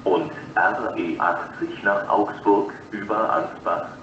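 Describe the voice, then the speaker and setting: A man reads a flat, formal, segmented scripted platform announcement as a railway station announcer. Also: sits low, slow pace. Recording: echoey, distant, dull station loudspeaker with noise.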